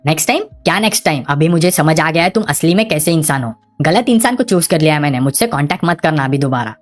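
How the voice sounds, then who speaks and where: A woman voicing a young saleswoman who speaks in a cold, firm and sharp manner. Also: fairly low pitch, lively intonation, fast talker, soft background music.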